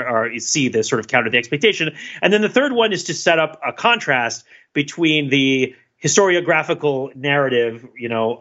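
A podcast co-host thinks aloud in a casual, analytical chat, full of fillers and restarts. His voice is on the high side and sharp, and the audio is dull and lo-fi.

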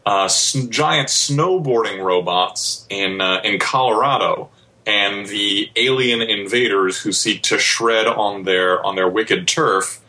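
British man with a low, bright voice. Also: takes it slowly, rough recording. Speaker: podcast panelist. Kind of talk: casual podcast panel chat.

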